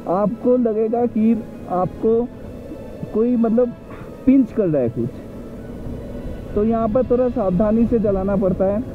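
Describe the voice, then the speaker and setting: Motovlogger, man, talks slowly over music, phone-like lo-fi sound. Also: high-pitched. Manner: chatty, explanatory, mixes in English words. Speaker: motorcycle vlogger. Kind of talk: casual travel narration while riding. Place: on a motorbike on an open mountain road.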